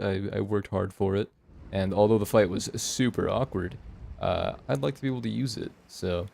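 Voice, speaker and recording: A man with a West Coast American accent talks through a game in a low voice with a gravelly fry. His delivery is casual and rambling, full of hesitant thinking aloud. The sound is close and dry. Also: darkish tone, no echo. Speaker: gaming host doing a playthrough. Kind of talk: casual unscripted gameplay commentary.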